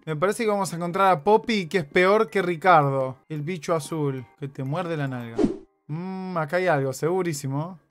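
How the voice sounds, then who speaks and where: High-voiced Argentine gamer, jokey and yelping. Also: male voice, moderate pace, fairly bright tone, slight background noise. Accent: Argentine Spanish. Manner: jokey, yelps and screams in panic. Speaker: gaming YouTuber. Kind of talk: let's play commentary. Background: background music.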